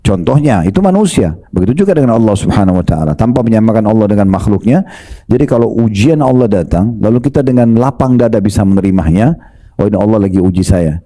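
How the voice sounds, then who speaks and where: Male preacher, very warm mellow voice, lively storytelling sermon to the congregation. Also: mid-range voice. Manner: lively, retells stories and addresses the congregation.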